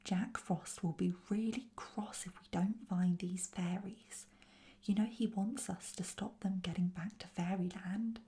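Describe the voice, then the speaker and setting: A woman voicing rude, squabbling male goblins with gruff voices, in a soft whispered role-play. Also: mid-range voice, fairly even intonation, a little slow, natural voice. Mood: quarrelsome.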